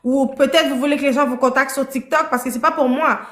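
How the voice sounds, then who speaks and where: Woman, live-stream host, high voice, bright tone, probing questions, echoey room. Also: steady tone, fast.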